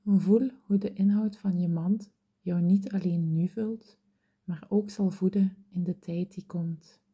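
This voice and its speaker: A woman whispering softly as she leads a guided meditation in a slow, soothing, gentle manner. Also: fairly low pitch, steady tone, husky.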